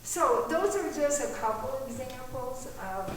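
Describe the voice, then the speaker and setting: A woman with a high, expressive voice speaks at an unhurried pace as a panelist, candid and reflective in an informal way. She's in an echoey meetinghouse hall, recorded from a distant mic with faint background noise.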